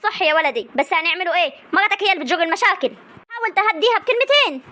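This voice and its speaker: Woman voicing an Egyptian village mother, very high voice, rapid chiding, soothing and scolding, comic family drama. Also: animated, pushed and bright, heavily acted. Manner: chiding, soothing, fast talk. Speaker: mother and aunt in a family feud.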